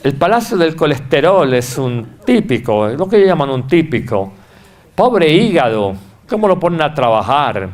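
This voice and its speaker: Predicador paisa de voz algo aguda. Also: male voice, fairly high pitch, big pitch swings, normal speed. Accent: Colombian Paisa (Antioquia). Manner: emphatic and repetitive, acting out quoted voices. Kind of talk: sermon.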